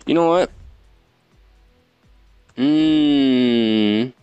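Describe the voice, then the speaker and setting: A man's voice: mid-range voice, extremely slow, darkish tone, clean tone, no echo, highs cut off, soft background music. A man hosting a let's play, chatting casually and rambling, mocking himself and laughing often. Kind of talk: casual gameplay commentary.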